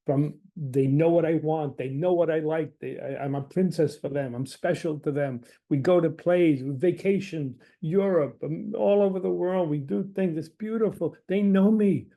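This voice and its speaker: A man putting on the voice of an emotional woman patient recounting her lovers, excitable and gushing. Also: on the high side, moderate pace, creaky, few pauses. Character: emotional woman patient, adoring then betrayed.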